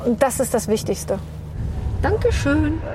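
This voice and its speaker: A woman's voice: high-pitched, big pitch swings, measured pace, heavy background noise. A woman who is a member of parliament, talking cheerfully and joking in a documentary interview.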